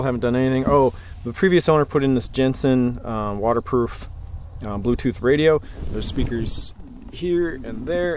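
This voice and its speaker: A man giving a relaxed, rambling walkthrough tour of his boat outdoors, talking with many fillers into a handheld camera. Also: mid-range voice, background noise. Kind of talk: casual walkthrough vlog.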